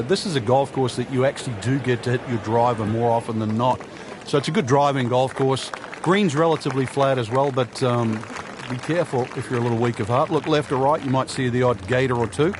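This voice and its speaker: A man voicing a golf color analyst in a video game, explaining the course in a relaxed, casual way. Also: medium pitch, background noise, natural voice.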